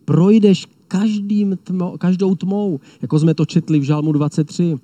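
A man's voice: high voice, fairly even intonation, no echo, voice pushed up. A man voicing a mighty encouraging lion. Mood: reassuring. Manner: shouting encouragement.

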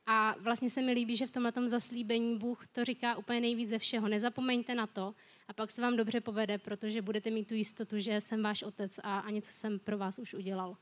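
A woman's voice: a little high, flat delivery. A young woman earnestly describing her prayer journal and gratitude to God. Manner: earnest, reflective. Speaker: youth group member sharing a testimony. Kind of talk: personal faith sharing.

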